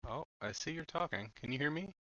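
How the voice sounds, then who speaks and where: A man's voice: a little high, expressive, fast talker, sharp tone, lo-fi sound. A man on a choppy voice call that keeps cutting out, chatting casually while fiddling with his setup. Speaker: friend on a voice call. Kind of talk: casual chat.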